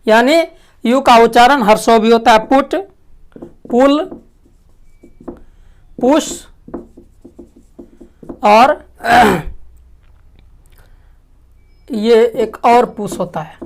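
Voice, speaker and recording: A woman teaching a language lesson, asking questions and answering them herself, clearing her throat often. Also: fairly high pitch, drawn-out words, pauses often. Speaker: English teacher. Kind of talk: classroom lesson.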